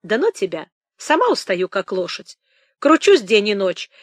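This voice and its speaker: A woman voicing a brisk, bossy female village shopkeeper who scolds and complains. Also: mid-range voice, sing-song, no echo, clean studio sound. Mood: grumbling, scolding. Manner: scolding, grumbling, quick to complain.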